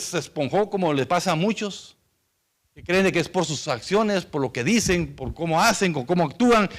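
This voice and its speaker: A man preaching a sermon, reading Bible verses aloud and explaining them to the congregation, whom he calls church. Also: high-pitched. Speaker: pastor.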